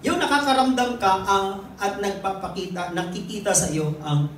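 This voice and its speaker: A high-voiced man with a Filipino accent preaches to his congregation, explaining scripture in a mix of Tagalog and English with the odd light joke. He sounds set back from the microphone in a big reverberant hall, with a faint hum of the room behind him. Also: normal speed. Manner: teaching, mixing Tagalog and English, with light jokes. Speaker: lay preacher. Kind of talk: sermon. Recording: echoey room, distant mic.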